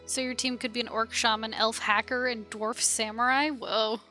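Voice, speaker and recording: A young woman livestreams a game, chatting and reading quest text aloud with giggly asides. Her voice is high and bright. She sits close to a dry mic, with faint game music in the background. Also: flat delivery, normal speed. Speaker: streamer.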